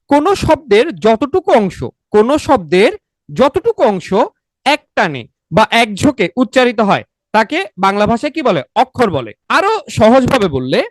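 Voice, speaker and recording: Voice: medium pitch, dry recording. A teacher gives an online exam-prep lesson, asking questions and answering them, often checking with "okay?". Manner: repetitive and coaxing, often adds a checking "okay?".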